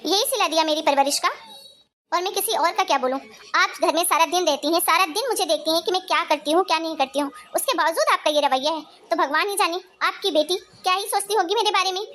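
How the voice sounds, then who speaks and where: A woman's voice: very high voice, quick pace, fairly bright tone. A woman voicing a hard-working young wife in a cartoon story, earnest and indignant as she defends herself. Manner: earnest, indignant, pleading her case.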